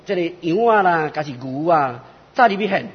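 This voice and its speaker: A man preaching a sermon in short phrases, pausing for interpretation, in a church hall. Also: on the high side, animated, husky. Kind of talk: sermon in Taiwanese Hokkien. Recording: lo-fi recording with long hall reverb.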